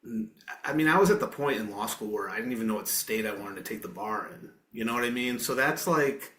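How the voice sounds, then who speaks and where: A man's voice: lowish voice, brisk, fairly bright tone. Rambling male podcast host in a roomy space. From Maine. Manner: rambling, frequent fillers and self-corrections. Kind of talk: casual interview chat. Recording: roomy echo.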